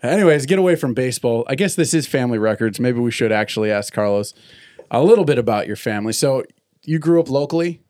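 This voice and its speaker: Animated storytelling man, dry close sound. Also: medium pitch, fast, no echo. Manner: animated storyteller, laughs often. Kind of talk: casual chat.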